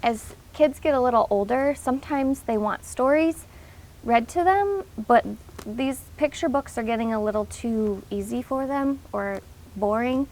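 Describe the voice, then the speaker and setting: A woman's voice: fairly high pitch, measured pace, darkish tone, low-quality recording. A woman giving an informal, instructional talk to parents, explaining things in an encouraging way.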